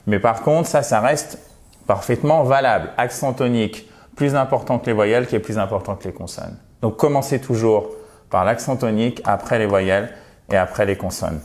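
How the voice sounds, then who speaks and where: Lively man teaching English stress. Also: lowish voice, normal speed. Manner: lively, repeats words with exaggerated stress. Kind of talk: video pronunciation lesson.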